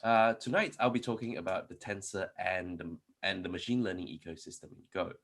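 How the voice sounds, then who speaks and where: A man presents a live-coding tech talk at a conference, speaking a little fast in a deep, husky voice with a fairly bright tone. Typing as he goes, he explains step by step, often restarting and asking rhetorical questions; Polish is not his first language.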